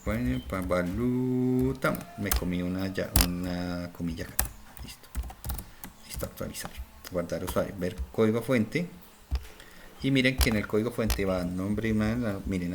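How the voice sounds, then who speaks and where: A man giving a screen-recorded coding lesson, thinking aloud as he types and often checking in with his viewers. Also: lowish voice. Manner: thinks aloud while typing, frequent "¿cierto?" check-ins. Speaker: programming instructor. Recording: home recording with audible noise. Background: keyboard typing and clicks.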